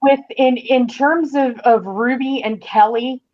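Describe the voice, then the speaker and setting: A woman with a high-pitched, steady voice gives her review as a podcast guest in a casual discussion. Her phrasing is measured and emphatic, and the audio sounds dull, with a little hiss or hum.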